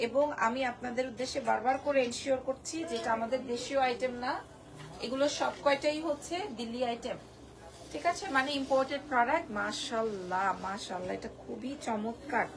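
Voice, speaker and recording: A hoarse woman presenting a live-stream sari sale from Bangladesh, gushing over each piece and repeating prices and discounts. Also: high-pitched, brisk, noisy background. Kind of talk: live-stream sales pitch.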